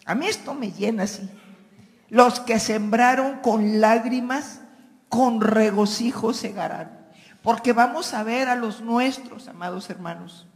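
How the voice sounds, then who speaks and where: A man preaching a sermon with spoken prayer, swinging from loud pleading to near whispers. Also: very high-pitched, unhurried. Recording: long hall reverb.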